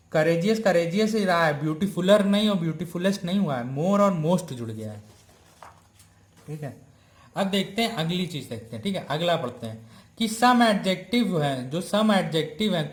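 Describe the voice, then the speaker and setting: A man teaching English grammar in a lecture, explaining slowly and repeating points, checking in with the class often. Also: sits high, roomy sound. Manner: slow, repetitive explaining with frequent "theek hai?" checks; reads English rules out very slowly, word by word.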